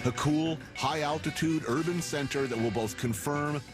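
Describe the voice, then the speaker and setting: A man's voice: on the high side, normal speed. A man narrating a travel documentary as a scripted voice-over, with a dry, wry delivery. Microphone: studio voice-over. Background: guitar music.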